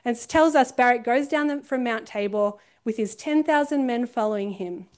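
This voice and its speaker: A woman's voice: a little high, normal speed. A woman preaching a sermon, asking her listeners questions and acting out quoted lines with a laugh here and there. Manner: expressive, poses questions to listeners.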